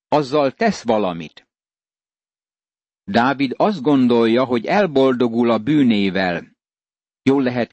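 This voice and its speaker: A man's voice: mid-range voice, dry recording, muffled recording. A man giving an earnest radio Bible sermon, speaking straight to the listener as a friend. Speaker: Bible teacher.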